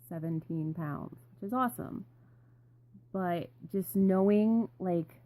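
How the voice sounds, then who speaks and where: A woman's voice: fairly low pitch, warm tone. A young adult woman rambling casually in a vlog, full of ums and likes. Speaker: vlogger.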